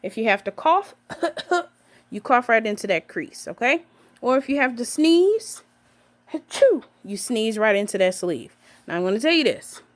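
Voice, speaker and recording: A woman's voice: on the high side, big pitch swings, moderate pace. A woman working as a nurse, giving an upbeat health lesson to camera and checking in with viewers as she goes. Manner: upbeat, addresses viewers as guys, checks in with okay.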